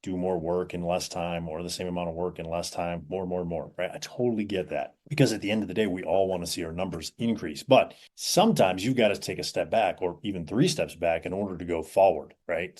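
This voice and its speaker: A man with a deep, low-pitched voice explains kettlebell technique in an easygoing instructional style. He talks to the viewer like a friend and keeps checking in with "right?" and "okay?". He is seated indoors as he demonstrates. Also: a little mellow. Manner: conversational, peppers lines with "right?" and "okay?". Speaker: kettlebell coach. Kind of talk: casual instructional video. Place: indoors, seated on an old wooden chair.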